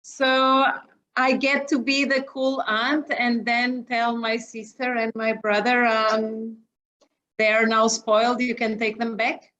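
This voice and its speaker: Talking slowly in a level, sharp, slightly high voice, a Mozambican woman with a Portuguese accent appears as a guest from her home office. The operations executive speaks casually, with hesitation and plenty of fillers, over muffled lo-fi video call audio.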